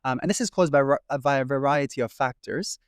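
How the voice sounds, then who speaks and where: A young man, a doctoral researcher in classics with an American accent who grew up in Italy, answers interview questions as a guest. He speaks fluently and fairly quickly at medium pitch, peppering his talk with frequent "ums" and "sort ofs." The studio recording is clean with no room sound.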